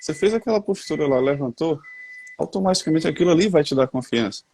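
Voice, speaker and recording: A man's voice: a little high, animated, fast, darkish tone, breathy edge. A man with a Brazilian Portuguese accent, chatting casually and folksily about communication, talking to listeners on a headset. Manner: talkative, folksy, addresses the audience as "gente" and "cara". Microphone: headphones.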